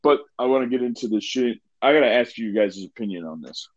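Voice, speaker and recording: A man's voice: mid-range voice, lively intonation, brisk, highs cut off. A man co-hosting a casual podcast, telling crude, rambling anecdotes. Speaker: podcast co-host. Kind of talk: casual chat.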